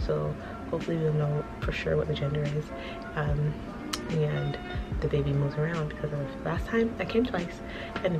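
A young woman talking quietly to her phone in a clinic change room, keeping her voice low. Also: creaky, low-quality recording. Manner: hushed, quiet talk. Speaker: vlogger. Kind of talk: casual vlog chat.

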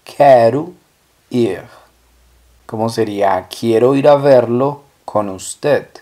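Patient, slow-speaking male language teacher. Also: medium pitch, warm tone. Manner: patient, drawn-out model words. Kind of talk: slow language lesson with repeated examples.

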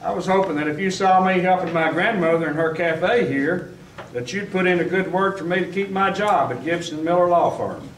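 A man's voice: high-pitched, brisk, a little hiss or hum, natural voice. A man playing an earnest young man apologizing to a judge in an amateur church play. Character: young man, eager to keep his job. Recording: roomy hall, mic far off.

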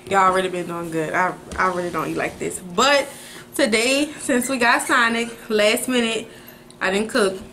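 A woman's voice: mid-range voice, normal speed, bright, forceful tone, slight background noise. A young woman, chatting playfully as co-host while eating. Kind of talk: casual chat while eating.

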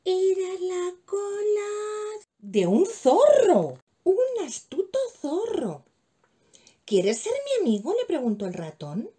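A woman tells a children's story, lively and playful, with hushed asides to the children. Her voice sits high and leaps all over its range. The tone is warm and mellow. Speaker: preschool teacher.

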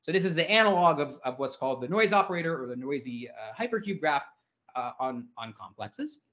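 A man giving an academic seminar talk, explaining ideas informally, with many "sort of" hedges and quick self-corrections. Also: medium pitch, sing-song, fairly bright tone. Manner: informal, hedging with "sort of" and restarts. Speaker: invited speaker.

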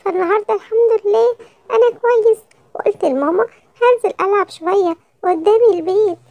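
A woman's voice: quick pace, no echo, lo-fi sound. A woman voicing a greedy little boy monkey with an Egyptian Arabic accent, whiny and childish in a children's storybook. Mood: cheerful. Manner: whiny, wailing, squeaky childish voice.

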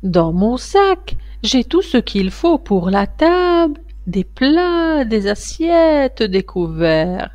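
Storybook ogress, old and scheming, sweet-talking then menacing, slow and swooping, voiced by a woman reader. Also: on the high side, very animated, darkish tone, dry recording, faint music behind, full character voice. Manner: wheedling then menacing, drawn-out words.

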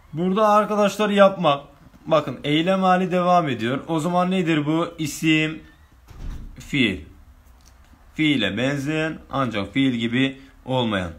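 A man's voice: on the high side, a bit bright. A male teacher running an online grammar lesson, reading exam questions aloud and working through each answer step by step with his students.

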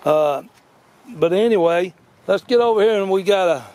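An older man hosts a vlog, giving a rambling, folksy demo outdoors on a grassy yard and correcting himself as he goes. His voice sits high, with a darkish tone and a normal speed. The talk is a casual outdoor demonstration.

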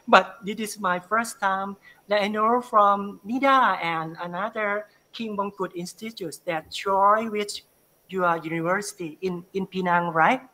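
On a video call picked up by a webcam, a university lecturer from northeastern Thailand presents his research and takes questions in Thai-accented speech. He halts and repeats words while searching for them, and his high voice sounds steady, pushed, and bright in a rough recording.

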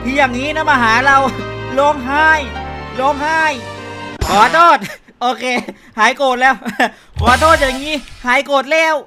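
A man giving playful, excitable gameplay commentary, laughing often and using crude slang. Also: very high voice, unhurried. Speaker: gaming YouTuber. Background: background music.

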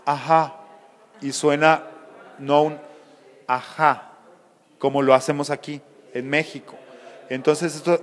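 A man, a voice teacher explaining pronunciation in a measured, didactic way. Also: on the high side, long reverb tail. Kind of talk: explanatory interview answers.

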